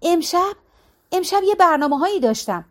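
Audiobook: female narrator doing exasperated adult daughter, animated complaints, high voice. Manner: exasperated, lively.

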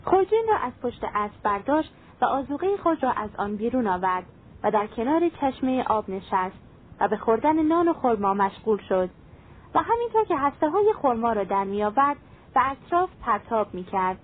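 Woman reading a fairy tale, tinny line. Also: fairly high pitch. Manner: even, formal reading. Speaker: storyteller. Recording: tinny phone-like sound.

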